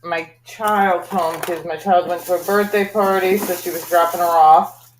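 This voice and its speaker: A woman chatting casually on her live stream, talking in a relaxed, rambling way. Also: on the low side, moderate pace. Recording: noisy call audio.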